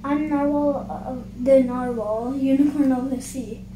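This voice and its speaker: Girl reading as playful storybook narwhal, high, very slow, chirpy, echoey room. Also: steady tone, dark tone. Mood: cheerful, playful. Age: child. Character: cheerful, playful narwhal from a children's book. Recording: noisy, roomy home recording.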